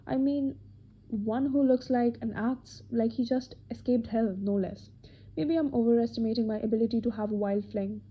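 A husky, fairly high-voiced woman narrates a romance novel in the first person. It is an amateur reading that now and then repeats a line. The sound is dull and lo-fi, as if from a home mic. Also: moderate pace.

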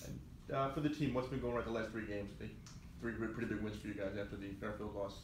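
A man reporter asking quick questions at a press conference. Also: fairly low pitch, fairly even intonation. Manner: quick, with uhs. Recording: echoey room, light noise.

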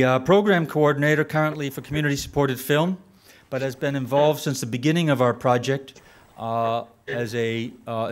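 Middle-aged moderator at a podium mic, mid-pitched voice, frequent fillers. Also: male voice. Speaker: briefing moderator. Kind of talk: formal introductions. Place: conference room at a podium. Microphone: podium microphone.

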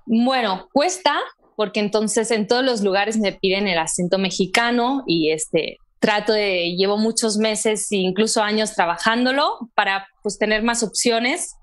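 A young woman from Barcelona with a Spanish accent, an actress chatting as a guest in an interview over a video call, talking warmly with many fillers. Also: mid-range voice, unhurried. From Catalonia, Spain. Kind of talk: casual interview chat. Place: home room, indoors. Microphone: earphone headset on a video call.

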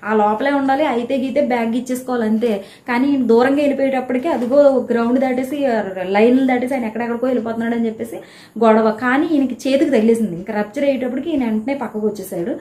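A woman giving a casual, animated recap of a reality show episode, telling who quarreled with whom. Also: on the high side, fast talker. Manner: chatty, animated retelling of quarrels. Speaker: show reviewer. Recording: echoey room.

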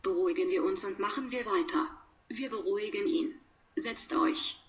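A woman reading example sentences for a language lesson, one by one, in a measured, deliberate way with pauses between them. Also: medium pitch. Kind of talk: slow read-aloud of example sentences.

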